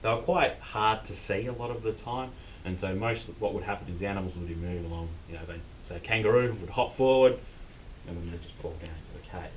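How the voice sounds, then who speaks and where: An Australian man working as a cave tour guide, explaining things casually and off the cuff to visitors inside a limestone cave. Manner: informal, unscripted explaining. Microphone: distant camera mic. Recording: distant mic, noisy rumbling cave tour.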